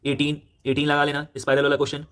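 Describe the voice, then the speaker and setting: Rapid-fire Indian maths tutor, man. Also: fairly high pitch, completely flat delivery, a bit bright, clear, resonant tone. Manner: brisk, directive, repeats instructions, self-corrects. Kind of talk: fast textbook walkthrough lesson.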